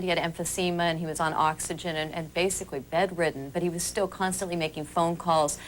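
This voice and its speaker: A woman's voice: on the low side, slight background noise, rough recording. A woman who acted as a child, speaking earnestly in an interview about former co-stars. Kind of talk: casual interview.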